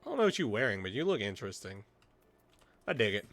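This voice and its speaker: A man's voice: fairly low pitch, big pitch swings, fast talker, a bit bright. A man streaming a game live, chatting playfully with his chat, swearing and joking at himself. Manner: playful, self-mocking, swearing, greets chat. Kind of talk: casual live gameplay chat.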